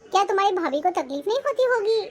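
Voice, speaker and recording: A calm, wise middle-aged mother, played by a woman, reasons steadily with her grown daughter in a family drama. Her voice sits very high, and her gentle chiding has a light, teasing edge. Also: fast talker. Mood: gently chiding. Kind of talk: acted Hindi family short film.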